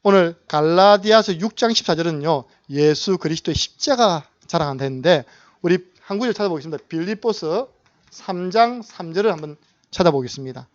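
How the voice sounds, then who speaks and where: A man's voice: a little high, lively intonation, fairly quick, no echo, dull audio. A male pastor preaching a sermon, asking the congregation questions and acting out short dialogues.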